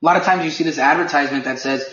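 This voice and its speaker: A man's voice: a little high, racing, fairly bright tone. A man leading a company webinar, speaking firmly and with emphasis, a little heated. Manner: firm and emphatic, lightly heated. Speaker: company leader presenting a webinar. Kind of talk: webinar briefing. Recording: echoey, dull lo-fi webinar audio.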